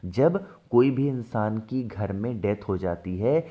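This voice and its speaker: A man teaching household ritual steps, often asking a question and then answering it himself, slowing down to stress key steps. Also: fairly low pitch, highs cut off. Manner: asks and answers his own questions. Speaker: religious ritual instructor. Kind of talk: devotional how-to teaching.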